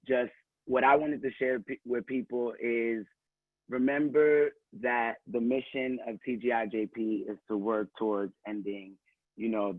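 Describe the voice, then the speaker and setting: Nervous, earnest man on a call, mid-pitched, tinny and dry audio. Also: dry recording. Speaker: communications director. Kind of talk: casual online panel talk. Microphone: video call.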